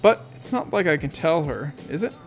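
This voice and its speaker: A man with a slightly high voice reads a novel aloud in a relaxed, amateur audiobook style. He breaks off now and then for little asides and corrects himself as he goes. Soft music plays faintly behind him. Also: normal speed. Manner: casual reading with asides and self-corrections. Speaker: audiobook reader.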